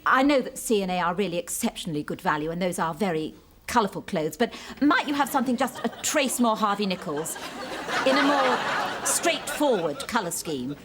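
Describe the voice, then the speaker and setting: Brief: prissy social-climbing woman, pitch swinging widely. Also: sing-song, fairly quick, a bit bright, some chatter behind, slight background noise. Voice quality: prissy, genteel, fussy. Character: prim, pretentious social-climbing woman writer. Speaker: sitcom character. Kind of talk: studio sitcom acting.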